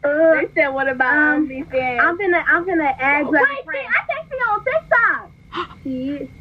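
Brash high-voiced woman through a muffled app. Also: moderate pace, noisy background. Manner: blunt, brash, excitable. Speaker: stranger on video chat. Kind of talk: casual insulting banter.

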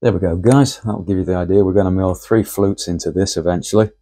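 Low husky man in his workshop. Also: fast talker, dark tone. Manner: chatty, talks viewers through each step as he works. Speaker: model engineering workshop host. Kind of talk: casual workshop demonstration. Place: home workshop, indoors. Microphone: camera on a tripod.

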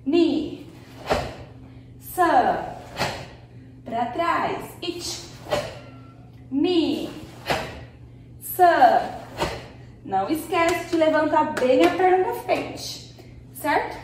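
A woman's voice: high voice, far from the mic, slight background noise. A woman with a Brazilian Portuguese accent teaching an online karate class, counting commands and encouraging her students patiently. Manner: counts commands and calls out short shouts. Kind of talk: online martial arts class instruction. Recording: echoey room, voice from off-mic.

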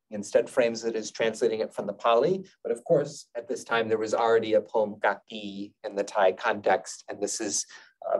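A middle-aged man giving a lecture over slides on a video call, in a measured, thoughtful way with frequent filler sounds. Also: mid-range voice, darkish tone, recorded from a distance, poor audio. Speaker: lecturer on Buddhist poetry.

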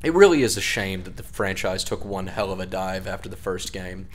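A man narrating a scripted video essay as a game reviewer, in a measured, opinionated way. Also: low voice, lively intonation.

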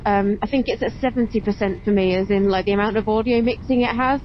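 A woman hosts a motovlog while riding on open roads, speaking fast at medium pitch with fairly even intonation. Her talk is chatty and explanatory, picked up by a dull-sounding helmet intercom mic over engine and road noise.

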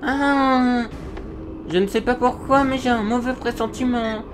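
A man voicing a small, nervous male monkey sidekick from a video game, in a squeaky, anxious high voice. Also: steady tone, measured pace, noisy background. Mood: worried.

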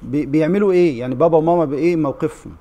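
Egyptian sheikh on tv, fast firm questions, warm low-key tone, lapel mic. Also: male voice. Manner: probing, firm, quick questions. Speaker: sheikh answering callers. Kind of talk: religious advice on TV. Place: TV studio.

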